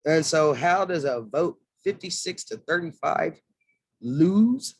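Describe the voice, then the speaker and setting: A man's voice: fairly high pitch, slow, breathy edge, no room sound. A man giving a heated political monologue, swearing and acting out quotes as he goes. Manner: heated, swears, acts out quotes in lively asides. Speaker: political commentator.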